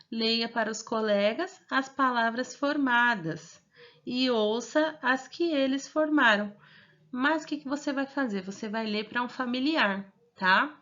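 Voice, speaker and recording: Patient Brazilian teacher, lo-fi recording. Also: female voice, on the high side, a bit bright. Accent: Brazilian Portuguese. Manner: patient, explains step by step with frequent "tá bom?" check-ins. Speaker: primary school teacher. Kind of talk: recorded remote class instructions.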